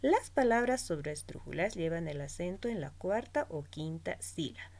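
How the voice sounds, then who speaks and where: A woman teacher slowly giving a spelling lesson to children, stretching out each example word. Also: lowish voice, animated, darkish tone. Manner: slow, stretched-out teaching voice, pronouncing words syllable by syllable.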